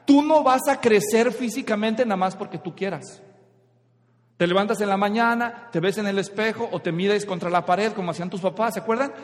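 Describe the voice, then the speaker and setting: A man's voice: high voice, a little fast. A man preaching an expository sermon in a conversational way, often asking his listeners rhetorical questions. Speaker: pastor. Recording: reverberant hall.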